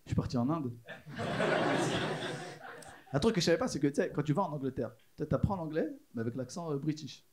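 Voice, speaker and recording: A man's voice: fairly high pitch, expressive, fast, long pauses, a little mellow. A man doing a casual, chatty stand-up routine in a comedy club. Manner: casual, chatty, lots of "tu sais". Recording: live club audience laughter.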